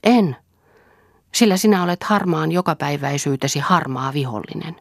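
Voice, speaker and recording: A woman's voice: low-pitched, animated, dry recording, studio quality. A woman reading the part of a passionate, proud young woman in a literary audiobook, with an impassioned delivery. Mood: fervent.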